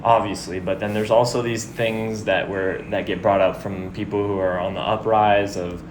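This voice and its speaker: A man's voice: lowish voice, little pitch movement, moderate pace. A young man from Houston, Texas, a podcast guest who talks in a hesitant way, stopping and restarting. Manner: hesitant, many fillers and restarts. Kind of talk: casual conversation. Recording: echoey room, faint noise.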